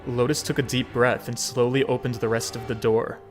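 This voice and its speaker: A man reading a visual novel aloud, with expressive casual commentary and frequent swearing. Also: medium pitch, a little fast, music in the background. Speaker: game streamer.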